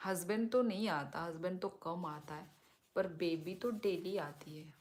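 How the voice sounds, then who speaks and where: Slow, chatty woman hosting a live stream. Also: lowish voice, slight background noise. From Northeast India. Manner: chatty, relaxed, mixes English words into Hindi. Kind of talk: casual live stream chat reading comments.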